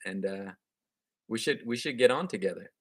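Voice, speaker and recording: An expressive man with a low-leaning voice talks at normal speed, the sound clean and studio-like with no room sound. In his thirties and a native Vietnamese speaker with a slight accent, this gardening channel host streams live from home into a webcam, replying to viewers in a bright, chatty way with frequent restarts.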